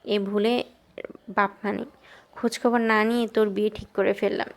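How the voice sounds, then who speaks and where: A woman's voice: medium pitch, flat delivery, normal speed, gravelly, close to an everyday voice. A woman reading as an indignant older father. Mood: agitated. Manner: agitated, scolding. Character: worried middle-aged father, indignant and protective.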